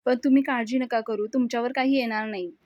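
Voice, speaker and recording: A woman's voice: on the high side, fairly even intonation, quick pace, no room sound, highs cut off, close to an everyday voice. A woman voicing a tearful, apologetic young man in grief. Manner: tearful, soft.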